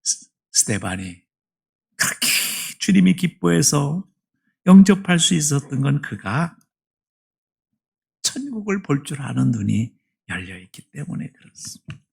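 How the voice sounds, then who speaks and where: A middle-aged male pastor delivers a sermon in a church with a gravelly, husky voice. His voice sits a little high for a man. He preaches emphatically and drops to hushed asides before rising to loud appeals. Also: big pitch swings, unhurried, long pauses. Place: church sanctuary.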